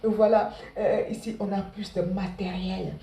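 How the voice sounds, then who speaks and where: A woman in her forties with a Senegalese accent, talking fast and casually to students about her studies, repeating words and leaning on fillers. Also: mid-range voice, level tone, mellow, distant mic. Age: 40s. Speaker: care assistant sharing her study path. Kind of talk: casual spoken testimony to students. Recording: roomy sound, from off the mic.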